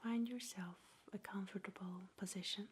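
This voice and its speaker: With measured pauses and a slow, gentle pace, a woman whispers softly and breathily through a guided ASMR meditation. She speaks at a medium pitch with a steady tone.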